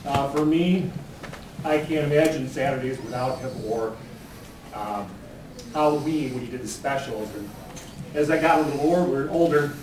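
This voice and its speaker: Male amateur speaker, average pitch, halting live tribute, heard away from the mic amid noise. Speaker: speaker inducting an honoree. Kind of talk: informal live tribute speech. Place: large room at a live event. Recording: echoey, distant mic, clear noise.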